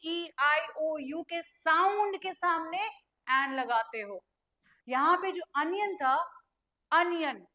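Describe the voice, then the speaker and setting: A young female teacher with a high, bright voice runs an online grammar lesson. She fires questions at her students and answers them herself, and she draws letters out one at a time as she spells.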